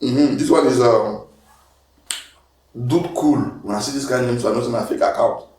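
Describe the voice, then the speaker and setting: A young man with laced with answers online critics in an animated, defensive way, his voice climbing and getting louder when he argues his case. He sits some distance from the mic in a roomy, echoing space. His voice is mid-pitched for a man. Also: moderate pace, a little hiss or hum. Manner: animated, swings up loud and high when protesting, mixes in Pidgin. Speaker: comedian guest reading mean comments. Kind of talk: casual talk-show chat.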